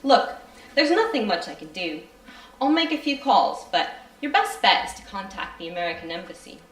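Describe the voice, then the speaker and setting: A woman's voice: mid-range voice, sing-song, normal speed, close to an everyday voice. A woman reading as a brusque, patronizing doctor. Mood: dismissive. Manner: dismissive, matter-of-fact. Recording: roomy hall from far off.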